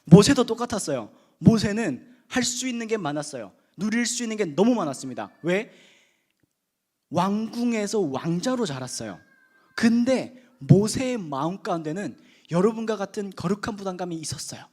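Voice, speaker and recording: High-voiced man preaching conversationally. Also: animated, moderate pace. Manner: conversational, swinging from loud to hushed. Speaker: preacher at a youth worship service. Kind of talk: sermon.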